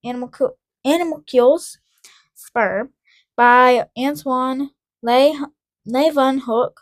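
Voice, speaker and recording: Brief: woman co-host, high and unhurried, dry close sound, reads notes with wry asides. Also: no room sound. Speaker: podcast co-host. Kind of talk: casual podcast chat.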